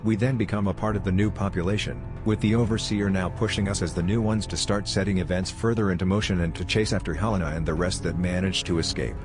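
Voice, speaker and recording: Male game commentator, robot-filtered voice, low and measured, loud game music underneath. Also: steady tone. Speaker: gameplay commentator.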